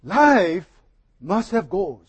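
A man preaching a sermon at a pulpit microphone in a church, speaking in short measured phrases and pausing for an interpreter. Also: high voice, sing-song, husky, no room sound.

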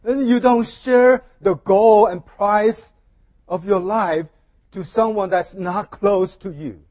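A man with a high voice preaching from a pulpit microphone, taking his time over each phrase. The sound is close and dry, with almost no room echo. He speaks in short, deliberate bursts, pausing between them. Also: darkish tone. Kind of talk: sermon delivered in short phrases for an interpreter.

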